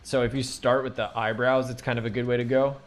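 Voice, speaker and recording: A man's voice: mid-range voice, flat delivery, fast talker. A man teaching drawing on a live stream, thinking aloud in a rambling, casual way with many fillers.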